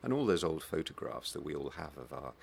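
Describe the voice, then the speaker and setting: Very deep, creaky Home Counties man. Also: sing-song, fairly quick, slight background noise. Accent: Home Counties English. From Hertfordshire, England. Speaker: stage actor being interviewed. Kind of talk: reflective interview conversation.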